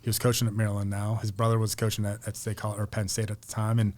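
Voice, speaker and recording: A man's voice: fairly low pitch, flat delivery, fast talker, a little mellow. A middle-aged man from Pennsylvania, a podcast guest telling long casual stories with lots of restarts and repeated words. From Pennsylvania, United States. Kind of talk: casual storytelling interview.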